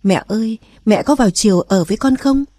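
A woman voicing a weary young queen, mellow and earnest. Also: mid-range voice, a little fast, dry recording, studio quality, natural voice. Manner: earnest, confiding.

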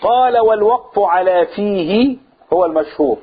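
A man's voice: high voice, animated, normal speed, husky. A man with an Egyptian Arabic accent, teaching a Quran commentary lesson. He explains by asking his own questions and answering them. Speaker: religious teacher. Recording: tinny phone-like sound.

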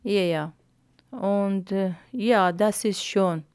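Slow, halting woman in her fifties. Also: mid-range voice, darkish tone, clear, resonant tone, no room sound, studio quality. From Iran. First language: Arabic and Persian. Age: 50s. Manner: halting, hesitant learner's speech with many fillers. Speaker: interview guest. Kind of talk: radio interview.

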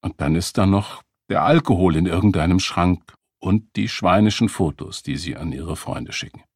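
A man's voice: low-pitched, expressive, moderate pace, slightly rough, no echo, studio quality. A man playing a smug, preachy lecturer. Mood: lecturing. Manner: preachy, coldly reproachful. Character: smug, controlling man lecturing his date.

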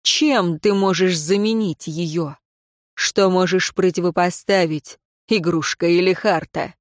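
A woman voicing a bitter imprisoned nobleman, speaking slowly and coldly with mockery. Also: lowish voice, steady tone, no room sound, studio quality, natural voice. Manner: slow, cold, mocking.

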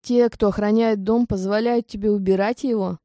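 A woman reading the lines of a stern, mysterious man in a cloak who asks slow, demanding questions. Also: medium pitch, steady tone, mellow, dry recording, studio quality, lightly acted.

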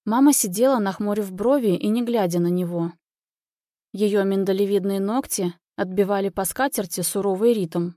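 Reading a novel aloud, a female audiobook narrator delivers scripted narration in an even, measured way. Her voice sits in the mid range, and the studio recording is clean with no room sound.

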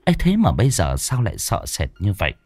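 A man's voice: lowish voice, huge pitch swings, fast talker, a little mellow, dry recording. A man narrating a horror audiobook in a dramatic storytelling manner.

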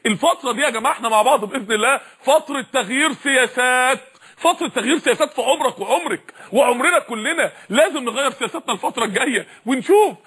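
A man with an Egyptian Arabic accent preaching a sermon, pressing the audience with repeated questions in a husky voice. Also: very high-pitched, expressive, rapid-fire, sharp tone.

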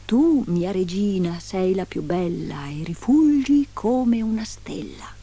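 A woman voicing a magic mirror that answers in slow, solemn pronouncements. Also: medium pitch, animated, warm tone, slightly rough, heavily acted.

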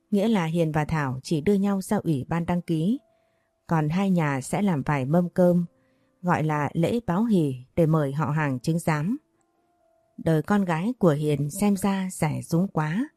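A woman narrating a scripted story in an even, steady reading voice. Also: lowish voice, no room sound, clean studio sound. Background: soft background music.

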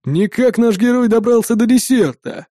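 A man voicing a sly, menacing male raider who speaks slowly and mockingly. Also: very high voice, warm tone, no echo, clean studio sound, voice pushed up. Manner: slow, mocking, drawn-out.

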